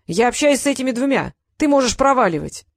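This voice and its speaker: A woman's voice: a little high, expressive, a little fast, no echo. A smug male sphinx monster, put on by a woman reading a storybook aloud, gloating and playful in a raised voice. The recording is dry and close, with no room sound. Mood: blustering. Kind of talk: audiobook reading.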